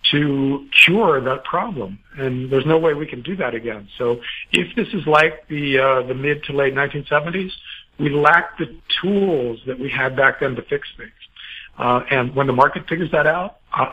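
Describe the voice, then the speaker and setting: A man answers an interview as a financial guest, circling his points with fillers and false starts. His voice is husky. The audio is dull and lo-fi. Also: medium pitch. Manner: rambling, many fillers and restarts.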